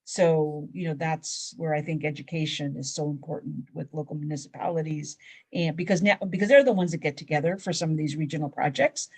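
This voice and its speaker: A woman on a panel explaining a funding process in a measured way, with many fillers and restarts. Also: low-pitched, darkish tone, slightly rough. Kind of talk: panel discussion on a video call.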